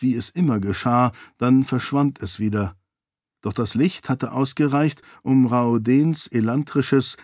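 A man's voice: mid-range voice, a little mellow, dry recording, clean studio sound. Man reading a fantasy audiobook. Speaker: audiobook narrator. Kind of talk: scripted narration.

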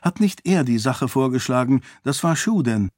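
A man voicing a sharp, proud young princess in an audiobook, speaking briskly and defiantly. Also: mid-range voice, expressive, dry recording, clean studio sound, close to an everyday voice. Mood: earnest.

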